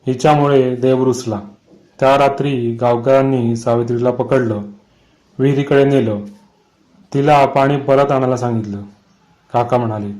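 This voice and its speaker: A man narrating a scripted horror story in a measured, suspenseful way. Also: medium pitch, steady tone, a little mellow, poor audio.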